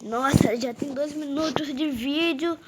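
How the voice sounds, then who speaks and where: A woman's voice: sits high, a little slow. A woman with a Brazilian Portuguese accent giving live gameplay commentary, impatient and repeatedly urging things along. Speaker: gameplay youtuber. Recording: loud background noise.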